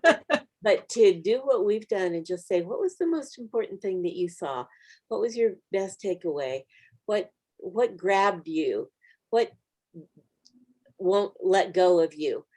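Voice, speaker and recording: An unhurried, animated middle-aged woman with a medium-pitched, slightly mellow voice co-hosts a Bible study lesson she authored. Talking casually, she offers group leaders practical tips in an earnest, encouraging way.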